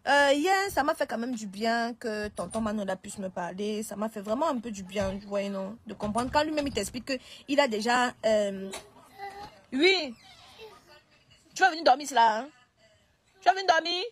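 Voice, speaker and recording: A woman's voice: on the high side, moderate pace. A woman talking on a live stream, hesitant, often restarting and pleading. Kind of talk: casual live-stream talk.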